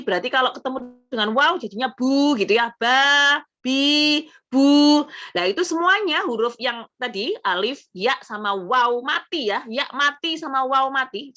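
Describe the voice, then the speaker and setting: A middle-aged Indonesian woman teaches Quran recitation in a relaxed, conversational way. Her voice is bright and fairly high, and she explains patiently. She breaks off now and then to sound out syllables aloud. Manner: explains patiently, demonstrating letter sounds aloud with filler "gitu ya". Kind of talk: casual spoken lesson.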